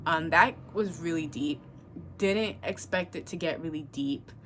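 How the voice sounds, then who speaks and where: A woman's voice: sits low, measured pace, a little hiss or hum. A woman vlogger chatting candidly while she gets ready at home, rambling with restarts, casual swearing and little pep talks to herself. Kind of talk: casual get-ready-with-me vlog chat.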